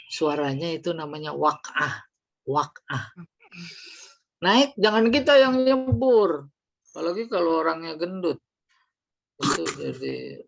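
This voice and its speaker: Slow-talking woman teaching a class. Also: low-pitched, vocal fry. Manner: explains slowly, quizzing the class. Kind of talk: Islamic study lesson. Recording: dull lo-fi recording.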